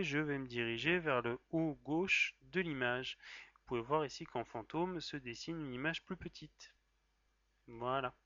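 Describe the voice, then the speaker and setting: Bright-voiced French man explaining software. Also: on the high side, no room sound. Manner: chatty, playful, with fillers and self-corrections. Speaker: software tutorial host. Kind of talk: screen-recorded software tutorial. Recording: dry, slightly dull lo-fi voice-over.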